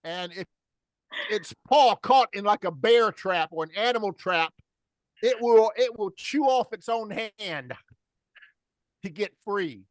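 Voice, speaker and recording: American guy, high voice, jokey, explaining slang to a class, close dry sound. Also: unhurried, pauses often, no echo. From United States. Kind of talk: casual storytelling.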